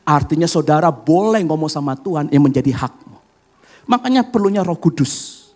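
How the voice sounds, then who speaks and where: A middle-aged man preaching a sermon as pastor, lively and acting out family conversations while addressing the congregation directly. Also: a little high, normal speed. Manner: animated preaching, acts out family dialogue, addresses congregation as "saudara".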